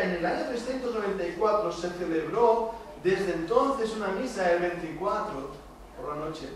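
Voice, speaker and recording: A middle-aged man from Spain with a high voice gives an emphatic Bible lesson, firing rhetorical questions at his listeners. He is picked up from a distance in a very echoey church hall. A faint hiss sits underneath. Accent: Spain Spanish. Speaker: church youth teacher. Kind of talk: Bible study lecture to youth. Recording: echoey room, distant mic, faint noise.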